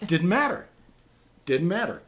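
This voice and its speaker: Lively man hosting a chat. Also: fairly high pitch, a little slow. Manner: animated storyteller, acts out quotes. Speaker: podcast host and voice actor. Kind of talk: casual chat.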